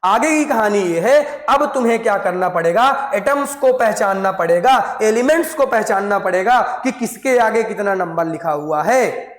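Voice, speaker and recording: A man's voice: high-pitched, lively intonation, moderate pace. A male teacher giving a school science lesson, calling his students affectionately and adding playful asides. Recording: echoey room with long reverb.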